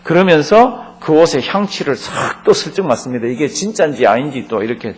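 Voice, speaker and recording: A male pastor leads a Bible study lecture in a fairly high voice with a very animated, swooping pitch. He reads scripture aloud, then explains it in a relaxed, conversational way, often asking the class questions. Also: brisk. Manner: asks the class questions and leads group reading.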